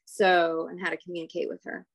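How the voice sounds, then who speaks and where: A woman's voice: fairly low pitch, completely flat delivery, fairly quick, gravelly. A middle-aged woman, a parent guest in a casual conversation, speaking candidly with rambling stories and laughter.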